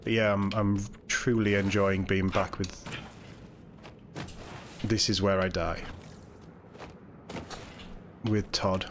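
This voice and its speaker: A young man live-streaming a video game, chatting excitably with viewers and reacting as he plays. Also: lowish voice, slow pace, long pauses, slight background noise. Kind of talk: casual live-stream chat.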